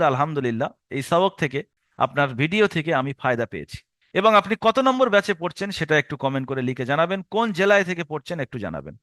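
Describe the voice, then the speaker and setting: A man teaching Quran reading in a recorded online lesson, spelling letters out slowly and chanting the rules quickly by rote. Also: sits high, bright, forceful tone, no room sound, clean studio sound. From India.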